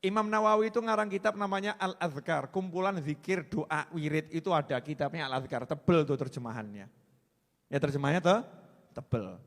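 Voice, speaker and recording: A man giving a joking, lively sermon as a preacher. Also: on the high side, a little fast, creaky. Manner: joking, lively, mixes Javanese into Indonesian. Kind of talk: humorous sermon. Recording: reverberant hall sound.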